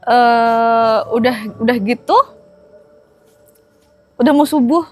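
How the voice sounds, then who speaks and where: A young woman with a Jakarta accent tells her story as a guest in a loose, chatty way. Her voice sits a little high, and she laughs easily and stumbles over fillers. Soft music plays faintly underneath. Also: slow. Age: young adult. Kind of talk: casual storytelling.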